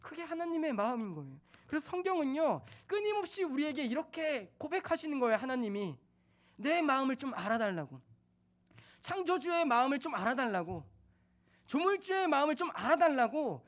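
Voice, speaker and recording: A man's voice: very high-pitched, very animated, fairly quick, a bit bright. A man in his thirties, a junior pastor, preaching a sermon in a church in a conversational way, asking questions of the congregation. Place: church sanctuary.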